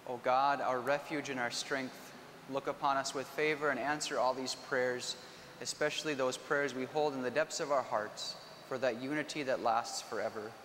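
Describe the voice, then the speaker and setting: A man, a priest, giving a homily and leading prayers in a measured, solemn way in a large church. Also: mid-range voice, steady tone, a bit bright. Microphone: far camera. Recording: long church reverb, faint noise, far camera.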